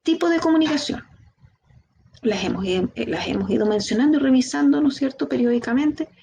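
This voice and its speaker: Gravelly Chilean woman teaching a class. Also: high-pitched, a little fast, dull audio, a little hiss or hum. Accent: Chilean Spanish. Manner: lively, talks to the class directly with rhetorical questions. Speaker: instructor. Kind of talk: online training lecture.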